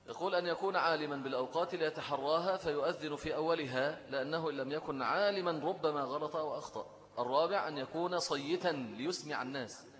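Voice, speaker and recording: A man's voice: fairly high pitch, quick pace, fairly bright tone, big-room sound. A man with an Egyptian accent teaching a lesson on Islamic law, who keeps asking his listeners questions and then answers them himself. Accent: Egyptian Arabic. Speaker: religious teacher.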